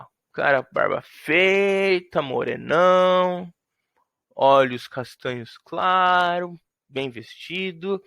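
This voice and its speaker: A man's voice: on the high side, creaky, fairly bright tone, dry recording. A man teaching English grammar in a playful way, acting out little scenes to show his examples. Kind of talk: explaining grammar to students.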